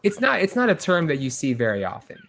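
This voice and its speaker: A man narrating a tabletop game as game master, in halting, measured phrases. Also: on the high side, wildly swooping pitch, fairly bright tone.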